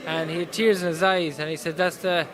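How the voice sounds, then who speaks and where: A male boxer with a Mayo, west of Ireland accent speaks in a high voice. He talks casually and earnestly, circling back over phrases. There is clear busy gym noise behind him. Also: flat delivery, a little fast, a crowd in the background, rough recording. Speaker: professional boxer being interviewed. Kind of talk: casual interview answers. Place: indoors in a boxing gym.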